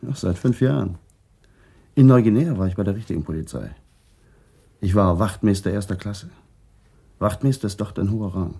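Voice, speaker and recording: A middle-aged actor voices a calm, reflective traffic cop being questioned in a German radio crime drama. He speaks in a guarded, measured manner, his lowish voice creaky and slightly breathy.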